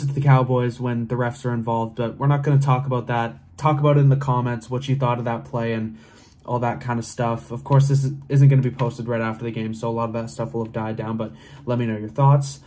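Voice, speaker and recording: A man's voice: mid-range voice, mellow. A young man in his twenties recapping a game for his travel vlog, talking chattily to his phone camera in a hotel room. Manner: chatty and upbeat, speaking straight to camera. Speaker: vlogger. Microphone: phone camera at arm's length.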